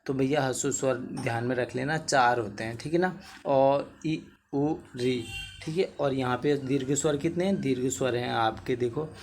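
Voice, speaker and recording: Soft music plays behind a medium-pitched man delivering an exam-oriented Hindi grammar lesson at a moderate pace. He addresses his students as bhaiya, repeats "theek hai na" often, and draws out vowels to demonstrate how long they are.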